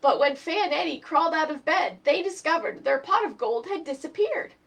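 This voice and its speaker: Speaking at a normal speed with vocal fry, this woman has a high, animated voice. She runs a children's storytime, addressing her viewers and giving an expressive reading of a story.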